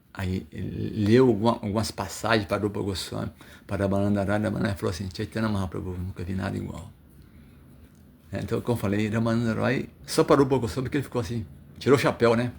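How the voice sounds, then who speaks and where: A man's voice: on the low side, creaky, a little mellow. A Brazilian man giving a religious talk on scripture, telling the stories in his own casual words and acting out what the figures say, with many fillers and restarts. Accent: Brazilian Portuguese. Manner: storytelling with acted quotes, many fillers and restarts. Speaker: religious teacher. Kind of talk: scripture reading commentary.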